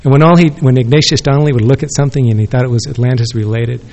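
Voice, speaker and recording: A man with a medium-pitched, slightly mellow voice races through a rambling, self-correcting answer at a podium microphone, addressing an audience in an academic conference room. His intonation stays fairly even.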